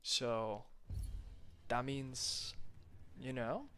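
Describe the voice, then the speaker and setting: Male esports caster, rapid excitable play-by-play, mid-range voice, loose and profane with chat. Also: mid-range voice, smooth, faint music behind. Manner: rapid, excitable calls with frequent fillers and casual swearing; loose, chatty asides to the stream chat between games. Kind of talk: live play-by-play game commentary.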